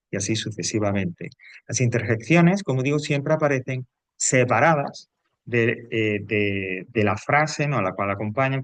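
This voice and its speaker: Man, Peninsular Spanish accent, teacher, recorded grammar lesson, low voice, hesitant with fillers, dry close sound. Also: no echo. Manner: hesitant, frequent fillers and tag questions.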